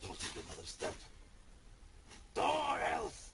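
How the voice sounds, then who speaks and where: A man playing a menacing, bombastic wrestler, delivering theatrical wrestling-promo taunts and threats that swing between low menace and shouting. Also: wildly swooping pitch, takes it slowly, exaggerated voice. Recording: very noisy amateur recording with clicks.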